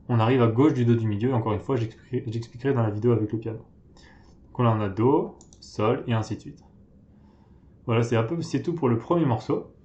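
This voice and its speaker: A man's voice: mid-range voice, dark tone, highs cut off. Patient male piano teacher in a roomy space. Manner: patient, methodical explaining, counting notes aloud. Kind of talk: step-by-step piano tutorial. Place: room with a piano. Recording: roomy echo.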